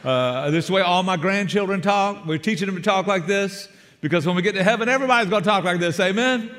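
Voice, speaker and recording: A man's voice: high voice, fast, fairly bright tone, big-room sound. An older man with a South Georgia accent preaching as a guest pastor, folksy and joking and calling for amens. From Savannah, Georgia. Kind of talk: sermon. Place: church sanctuary.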